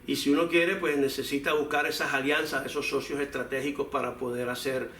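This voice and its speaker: A man's voice: medium pitch, little pitch movement, brisk, a bit bright. A man speaking as an academic in an interview, explaining discursively with many filler phrases. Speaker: academic researcher being interviewed. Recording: echoey room, distant mic, faint noise.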